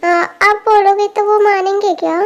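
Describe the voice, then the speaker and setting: Woman voicing a pouty little girl, stubborn, slow childish speech, very high voice. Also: flat delivery. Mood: pleading. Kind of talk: amateur Hindi fan dub.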